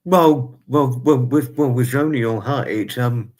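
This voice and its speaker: A man's voice: medium pitch, takes it slowly, darkish tone. A man in his twenties casually chatting to viewers on a livestream, often repeating himself and using quaintly formal phrases. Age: 20s. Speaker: livestream host.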